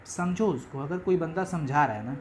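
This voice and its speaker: A man's voice: on the high side, moderate pace, a little hiss or hum, low-quality recording. Chatty male teacher retelling a story. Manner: chatty, animated storytelling with asides to students. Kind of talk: Hindi literature lesson explaining a story.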